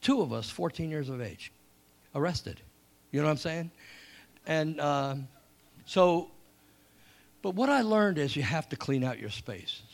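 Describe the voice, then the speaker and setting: Preaching with lively storytelling, a middle-aged man from England repeats key points and draws out his scripture reading at a slow pace. His voice is a little high and gravelly.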